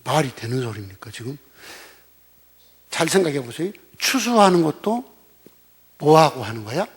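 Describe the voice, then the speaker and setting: A man's voice: a little high, big pitch swings, moderate pace. An older man preaching a sermon as a senior pastor, telling the story in a blunt, colloquial way and throwing rhetorical questions at the congregation.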